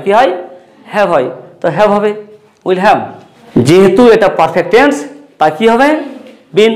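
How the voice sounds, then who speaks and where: A high-pitched man with a Bengali accent teaches an English grammar lesson. He asks a question, answers it himself, and repeats the key terms to drive them home. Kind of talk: classroom-style lesson.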